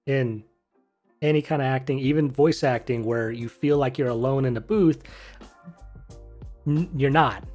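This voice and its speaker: A man's voice: medium pitch, a little mellow. A man in his thirties, a voice actor, explaining technique in a chatty, rambling way full of self-corrections. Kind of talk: casual instructional commentary.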